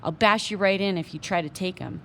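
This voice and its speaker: A woman's voice: on the low side, a little fast, fairly bright tone, a little hiss or hum. A woman reading aloud and voicing a stubborn young boy who whines and insists on getting his way. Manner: whiny, insistent. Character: upset young boy in pain, possessive and stubborn.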